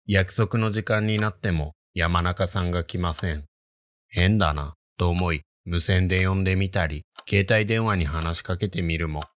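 A man narrates a scripted horror tale in a low voice. His delivery is hushed and creepy, recorded close and dry, as a ghost story reader. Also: dry recording.

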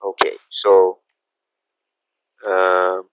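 A man teaching a graphic design software tutorial, talking through each step slowly and checking in with "okay?" as he goes. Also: low-pitched, completely flat delivery, clear, resonant tone, no room sound, poor audio. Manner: unhurried, repeats steps, asks "okay?" often. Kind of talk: screen-recorded software tutorial.

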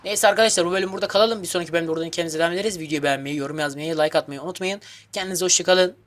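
A man giving let's play commentary as a gaming YouTuber, excitable and grumbling, cursing at the game. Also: a little high, racing, slight background noise.

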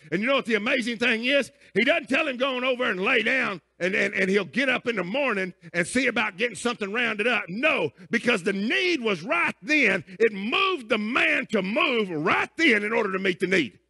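A man's voice: very high voice, lively intonation, normal speed, vocal fry, hardly any pauses, bright, forceful tone, breathy edge. A man preaching a sermon as pastor, emphatic and folksy, often checking in with his listeners.

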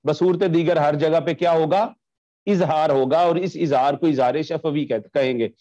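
A man with a fairly high voice teaches a recorded online lesson on Quran recitation. He explains patiently, repeats each example and chants phrases slowly. The sound is dull and lo-fi. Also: warm tone.

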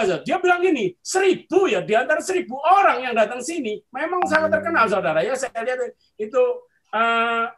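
A man's voice: sits high, a bit bright. A man giving an earnest personal faith testimony over a video call, often addressing his listeners directly. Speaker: church testimony speaker.

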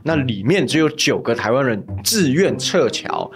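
A man's voice: mid-range voice, big pitch swings, moderate pace, over music. A man hosts a political commentary vlog, reading a post aloud and mocking it with sarcastic scolding. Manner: reads a social media post aloud with commentary. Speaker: YouTube commentator host.

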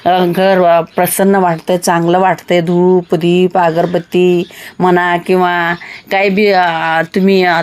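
A woman's voice: lowish voice, a little mellow. A woman, chatting homely and repetitive to her viewers in a casual home vlog. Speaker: vlogger. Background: child crying at times.

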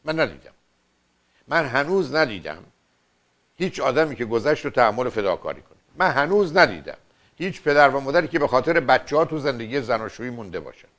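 A man's voice: mid-range voice, big pitch swings, a bit bright. An older man hosting a call-in advice show as a family therapist, lecturing insistently with rhetorical questions. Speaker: radio and TV family therapist host.

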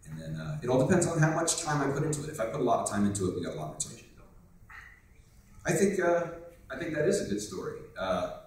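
A man's voice: medium pitch, sing-song, fast talker, a little mellow. A man on a convention panel telling a rambling, joking story. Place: hotel conference room. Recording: echoey room from far off.

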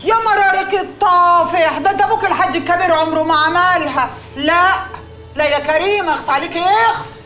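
A woman's voice: very high-pitched, brisk, pushed and bright, faint music behind. An actress playing a fierce Upper Egyptian matriarch who scolds and screams at her family, in an Upper Egyptian accent. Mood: scolding. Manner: scolding, then screaming in grief. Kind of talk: TV drama acting. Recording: echoey set with drama score and crowd.

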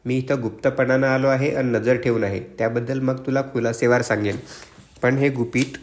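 Man reading excitable young man, effusive, eager, mid-pitched, flat-ish delivery, storybook reading, roomy echo. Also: moderate pace, close to an everyday voice. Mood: excited. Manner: eager, exclaiming, confiding.

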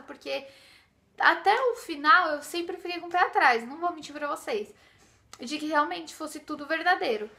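A young woman from Brazil talks casually to her camera from her living room sofa. Her voice sits high and bright with a gravelly fry, and she speaks in an earnest, rambling way. The sound is close and plain, from a built-in camera mic. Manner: chatty, heartfelt, many fillers like "sabe" and "gente". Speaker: beauty vlogger.

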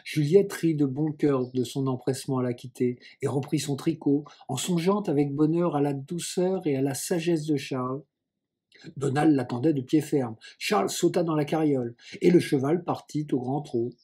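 A man reading a classic children's novel aloud in a measured, expressive way. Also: fairly high pitch, husky. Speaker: audiobook reader.

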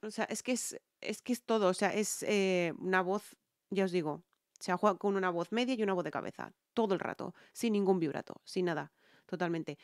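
A woman's voice: medium pitch, brisk, no echo, clean studio sound. A young Spanish woman with an accent from Spain, a singer chatting through a song reaction and analysing the vocals, checking in with her viewers.

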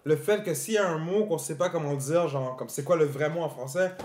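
Slangy québécois rapper, echoey room. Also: male voice, a little high, fairly quick, darkish tone, slight background noise. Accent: Québécois French. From Quebec. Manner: slangy, mixes English into French. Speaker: battle rapper. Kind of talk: casual chat.

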